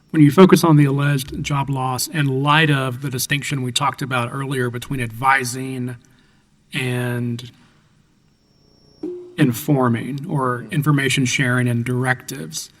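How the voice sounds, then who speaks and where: Hoarse male judge in an echoing courtroom. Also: medium pitch, fairly bright tone. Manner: measured, methodical questions. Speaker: appellate judge. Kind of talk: questioning counsel at oral argument. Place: appeals courtroom. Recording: long courtroom reverb.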